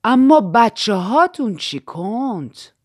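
Brief: a prying, loud-voiced society lady, played by a female narrator. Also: fairly low pitch, big pitch swings, no echo, studio quality. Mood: inquisitive. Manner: raised, inquisitive.

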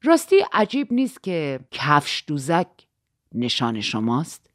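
A woman's voice: deep voice, very animated, no echo, voice pushed down. A woman voicing a blunt, sardonic man in an audiobook, in close to her own voice.

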